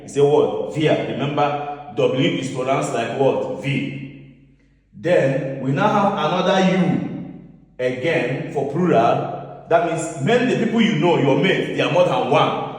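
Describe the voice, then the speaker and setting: Man as a patient teacher, drilling words slowly, far from the mic in a roomy hall. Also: fairly high pitch, darkish tone. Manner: repetitive, asks the listener questions. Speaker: language teacher. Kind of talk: classroom-style lesson.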